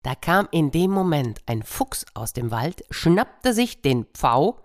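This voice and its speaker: A woman narrating a children's fable as a storyteller, gentle and measured. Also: sits low, sing-song, no room sound, studio quality.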